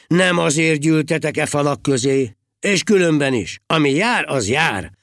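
A man's voice: on the high side, animated, a bit bright, no room sound, studio quality, pitched above the performer's own voice. A man voicing a sulky, stubborn monk who complains indignantly and preaches defiantly about his torn sandals. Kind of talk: storybook reading.

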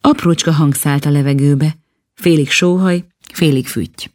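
Female audiobook narrator, low, steady storytelling, dry studio sound. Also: dry recording.

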